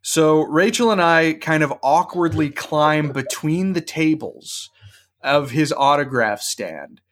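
A man hosting a podcast, telling a rambling, animated anecdote with lots of restarts in a casual chat. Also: on the high side, slow pace. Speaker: podcast host.

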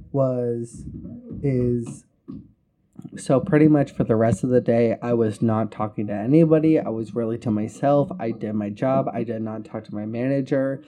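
A man's voice: mid-range voice, unhurried, mellow. A man hosting a casual podcast, telling a heated, profane workplace story and acting out the quotes. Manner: recounts quotes with emphasis. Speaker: podcast host.

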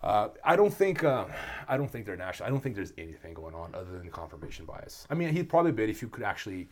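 A man's voice: fairly low pitch, quick pace. A man who grew up in Brazil, talking in a casual, emphatic conversation and acting out quotes as he argues. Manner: animated, emphatic, acts out quotes.

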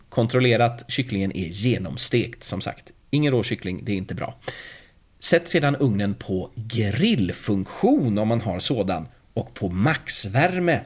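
A man's voice: mid-range voice, slightly rough. A man in casual chat, reading out recipe steps plainly with fillers. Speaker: podcast co-host.

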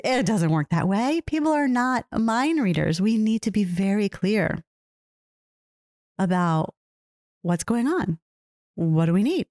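Earnest woman podcaster, warm and dry. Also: medium pitch, no echo. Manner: earnest, repeats phrases, asks herself questions. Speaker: podcast host. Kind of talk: reflective solo podcast talk.

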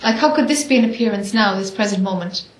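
A woman's voice: mid-range voice, fast talker. A woman leading a spiritual question-and-answer dialogue, probing and often affirming. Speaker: spiritual discussion leader. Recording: echoey room.

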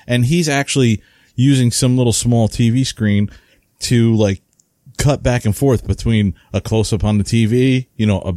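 On a hobby podcast, this co-host rambles through animated stories in casual chat, leaning on plenty of fillers. His pitch is fairly low, and the recording is dry and of studio quality.

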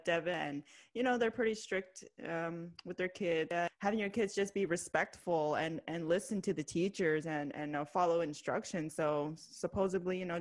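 A woman in casual chat, measured and reflective, with many fillers. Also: on the low side. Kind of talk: casual chat about a reality show.

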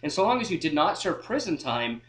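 A man's voice: a little high, big pitch swings, fairly quick, a bit bright. A man with a nasal voice who co-hosts a casual legal advice podcast as a defense lawyer, speaking matter-of-factly with occasional joking asides. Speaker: criminal defense lawyer co-host.

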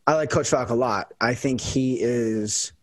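A man's voice: mid-range voice, unhurried, no echo. A young man hosting a casual podcast chat, rambling with lots of fillers and restarts. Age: young adult. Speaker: podcast host and college football kicker.

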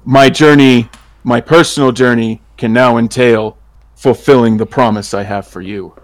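A man's voice: medium pitch, fairly even intonation, normal speed, no room sound, lightly acted. Man playing a solemn, honourable werewolf traveler. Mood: respectful. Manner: formal, deferential. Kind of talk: tabletop role-play character acting.

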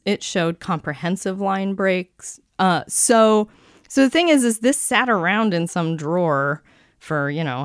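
A woman co-hosting a casual chat about dictionaries, lively and quick with jokes and asides. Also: on the low side, smooth, dry recording, clean studio sound. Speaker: podcast co-host, lexicographer.

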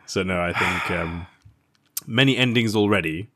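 Low-voiced man bantering. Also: normal speed, sharp tone. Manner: laughing, riffing banter. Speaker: podcast co-host. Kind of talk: casual chat.

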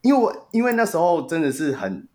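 A man's voice: a little high, wildly swooping pitch, fairly quick, a little mellow. A man with a Taiwanese Mandarin accent hosting a casual sports podcast, telling stories animatedly and laughing often. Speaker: podcast host.

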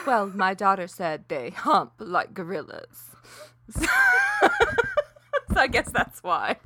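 A woman chiming in on a casual podcast with wry, jokey asides. Her voice is bright and swoops up and down with life, and it is recorded dry and close. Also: mid-range voice, very animated, takes it slowly, no room sound. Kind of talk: casual book chat.

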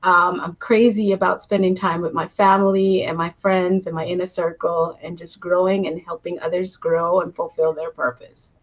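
A woman originally from Guyana speaks as an interview guest, sharing her journey as a coach. She talks in an animated, storytelling way with easy laughs. The call audio is somewhat dull and lo-fi. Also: lowish voice, normal speed, few pauses. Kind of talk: conversational interview answers.

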